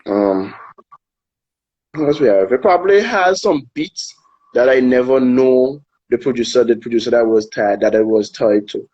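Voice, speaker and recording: A man from Anguilla, a soca artist chatting casually in an interview, relaxed and hesitant, often repeating words while he thinks. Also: mid-range voice, moderate pace, muffled recording. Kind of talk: casual interview over a live video call. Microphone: phone on a live video stream.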